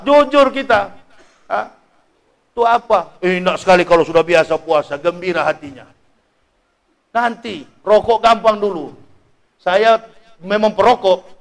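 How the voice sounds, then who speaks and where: Male preacher, high voice, playful and animated, breaks into shouts and impressions. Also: normal speed, long pauses. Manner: joking, animated, mimics others; shouts out exclamations. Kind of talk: humorous sermon. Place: mosque.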